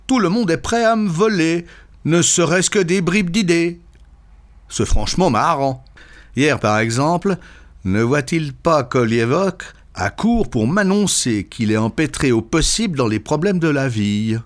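A man reading short absurdist stories aloud with expressive, lively storytelling. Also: a little high, a little slow. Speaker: reader.

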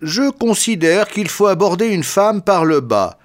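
A man voicing a pompous male lecturer who keeps getting slapped, his voice rising to indignant high shouts. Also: very animated, measured pace.

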